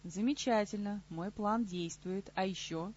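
A woman voicing a sardonic middle-aged king in an audiobook, dry and unhurried, on slightly muffled audio. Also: medium pitch, a little mellow, breathy edge. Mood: dry mocking. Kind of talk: audiobook character reading.

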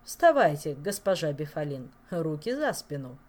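A woman's voice: low-pitched, very animated, normal speed, darkish tone. A woman reading a gloomy, dry investigator.

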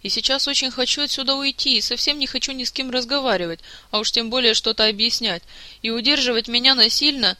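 A man voicing a sulking young prince who is drunk, bitter and quick to accuse, with a shrill, petulant delivery. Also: sharp tone, clean tone, no room sound, exaggerated voice. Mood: sullen.

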